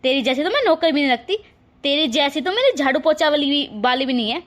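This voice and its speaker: A woman's voice: high-pitched, lively intonation, quick pace, a bit bright. A woman voicing a spoiled, arrogant young bride from a rich family in a cartoon story, talking haughtily and insultingly. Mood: haughty.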